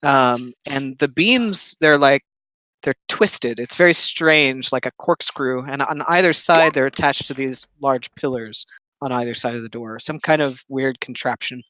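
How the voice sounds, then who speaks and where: A male game master describes the scene at an easy pace, pausing with little fillers. His voice is smooth and resonant. The sound is dry with no room around it. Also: medium pitch, no echo. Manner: relaxed, halting narration with many ums. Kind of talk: narrating a tabletop game.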